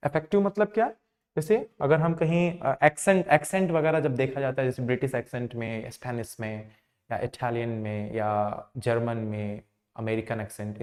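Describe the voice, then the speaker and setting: A man teaching an English lesson, explaining slowly, repeating words for emphasis and answering his own questions. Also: mid-range voice, darkish tone. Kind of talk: classroom lesson.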